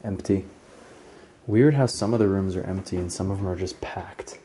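A man with a deep, mellow voice talks his way through an empty house in a relaxed, musing walkthrough. The camera mic picks him up with a faint hiss behind him. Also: moderate pace. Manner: relaxed, musing, low-key asides. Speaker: urban explorer filming a tour. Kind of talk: casual walkthrough narration. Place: indoors in a large empty house.

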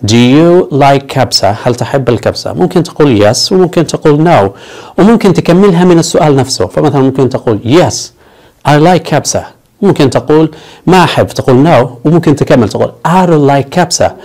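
A man's voice: on the high side, animated, fairly quick, darkish tone. Upbeat man teaching English. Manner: explains step by step, switching between Arabic and English; upbeat, repeats a catchphrase. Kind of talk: online language lesson.

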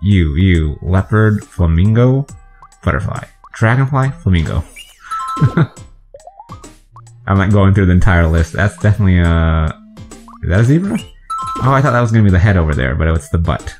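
Speaking at normal speed with frequent pauses, a man with a deep, animated voice hosts a let's play, chatting and guessing aloud to himself through a video game. Faint game music sits in the background.

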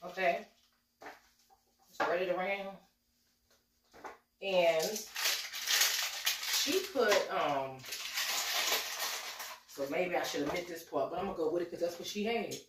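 Speaking slowly with long pauses, a woman in her forties with a slight cold and a voice on the low side hosts a casual, chatty cooking vlog from her home kitchen, greeting viewers as y'all. The camera mic sits a few steps away, so there's roomy echo and heavy background noise.

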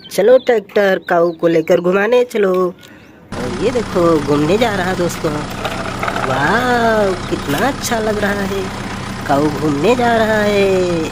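A woman's voice: mid-range voice, a little hiss or hum. A woman narrating toy play for children, exclaiming over the toys and coaxing them like little kids.

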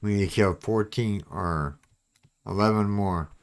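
Here a man with a voice on the low side talks at a measured pace. Hosting a gaming channel, he gives casual commentary to viewers while playing, his throat sounding clogged.

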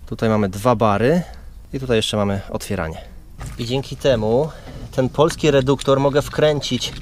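A man talks his viewers through a job in a relaxed, explanatory vlog voice, recorded outdoors on a body-worn camera at a campsite. His pitch sits in a middle range. Faint outdoor noise runs behind him. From Poland. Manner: chatty, explaining step by step to viewers. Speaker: vlogger and father. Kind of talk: casual how-to vlog narration. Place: outdoors at a campsite beside a caravan.

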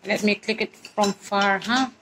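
A woman's voice: medium pitch, fairly even intonation, measured pace, fairly bright tone, slight background noise, rough recording. A woman filming a casual home unboxing vlog indoors on a phone, hesitant and searching for words. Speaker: vlogger filming the assembly. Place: indoor living room at home.

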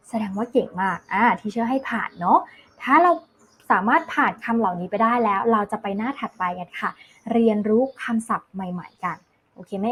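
A woman teaching English to kindergarten children, saying each word slowly and clearly, repeating it, then explaining it. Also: fairly high pitch, a little hiss or hum. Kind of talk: slow vocabulary drill lesson for small children.

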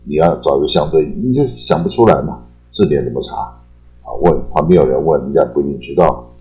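Low-voiced man teaching English. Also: warm tone, soft background music, rough recording. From Taiwan. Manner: chatty, ends phrases with a drawn-out particle, repeats key words. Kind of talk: casual explanatory lecture.

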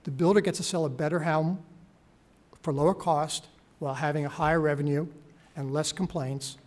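Enthusiastic, slightly high-voiced man pitching. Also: fairly even intonation, normal speed, a little mellow. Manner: enthusiastic, persuasive, gestures while talking. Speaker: government program speaker, panelist. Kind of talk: panel presentation. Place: wood-paneled hearing room. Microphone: table mic on stand.

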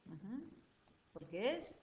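A woman teacher tutoring a single pupil in a patient, prompting way, often echoing words back to her. Her voice sits at a middle pitch. The recording is dull and lo-fi. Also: sing-song, slow, darkish tone, a little hiss or hum. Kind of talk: one-on-one spelling lesson.

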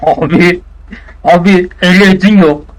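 A man's voice: high-pitched, steady tone, rough recording. A man voicing a dim-witted young male gang sidekick who whines and draws out his complaints in a raised, plaintive voice. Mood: alarmed. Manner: whining, drawn-out complaints.

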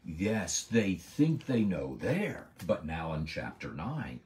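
A man giving a Bible lesson as a sermon, preaching emphatically and slowing down hard on key words. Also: low voice, huge pitch swings, a little mellow. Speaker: Bible teacher. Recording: voice a bit far from the mic.

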